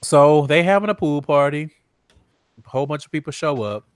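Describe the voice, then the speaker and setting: A man co-hosting a podcast, casually recapping reality TV with animated storytelling and mocking quoted voices. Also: fairly high pitch, moderate pace, smooth, dry recording, studio quality. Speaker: podcast co-host.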